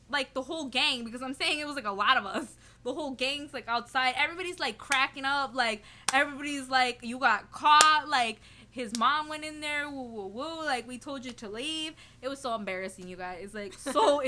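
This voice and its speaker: In a high-pitched voice at a moderate pace, a young vlogger chats to the camera, telling a story full of "like" and "you know." She laughs and giggles through the animated retelling, and a little hiss or hum can be heard.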